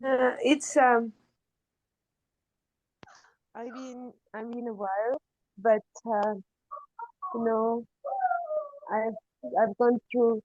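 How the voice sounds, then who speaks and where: A woman's voice: fairly high pitch, warm tone, dry recording. Muffled woman, as if through a wall. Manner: halting, with many restarts and fillers. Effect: muffled headphone mic, as if through a wall. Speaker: participant in an online healing session. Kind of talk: casual personal sharing on a video call. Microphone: headphone mic on a video call.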